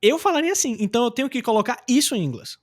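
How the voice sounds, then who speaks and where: Young brazilian guy teaching english, pretty high voice, loose and slangy, really animated. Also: rapid-fire. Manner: animated and slangy, acting out example phrases. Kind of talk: casual teaching talk.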